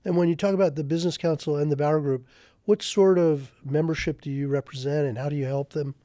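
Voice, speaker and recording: A man's voice: fairly high pitch, fairly even intonation, fairly quick, mellow, no echo, clean studio sound. A man hosting a podcast, welcoming a guest and asking eager questions. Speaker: podcast host. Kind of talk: conversational podcast interview.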